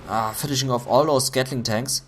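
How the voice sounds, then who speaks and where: A man commentating a video game match on his own, getting excited at big plays, his voice going hoarse. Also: medium pitch, brisk, slight background noise. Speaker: esports caster.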